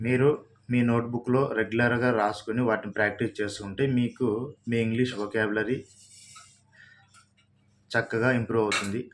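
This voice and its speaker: A man's voice: mid-range voice, little pitch movement, a little hiss or hum. A man with a Telugu accent teaching English vocabulary, reading out each word, spelling it letter by letter and giving its meanings. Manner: spells words out letter by letter, slowly. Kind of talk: slow vocabulary lesson.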